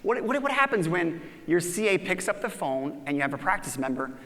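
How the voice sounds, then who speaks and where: A man giving a motivational conference talk, animated and acting out voices when he quotes people. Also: high voice, fairly quick. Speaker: conference speaker. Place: large conference hall. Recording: reverberant conference hall.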